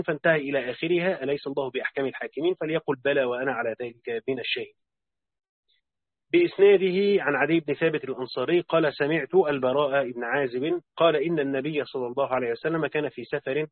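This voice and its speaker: A man reading a classical religious commentary aloud in a steady, formal, recitation-like way, now and then correcting himself. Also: fairly high pitch, no echo. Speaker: audiobook reader. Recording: dry phone-like narrow sound.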